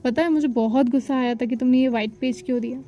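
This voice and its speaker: A woman's voice: high-pitched, steady tone, quick pace, lo-fi sound, natural voice. A woman voicing a teasing, caring woman teacher in a told story. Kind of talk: storytelling dialogue.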